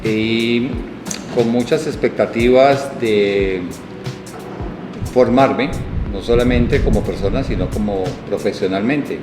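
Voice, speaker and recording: A Colombian man, a design program director, answering interview questions in a reflective way, pausing with fillers. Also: mid-range voice. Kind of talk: conversational interview. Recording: echoey hall with music.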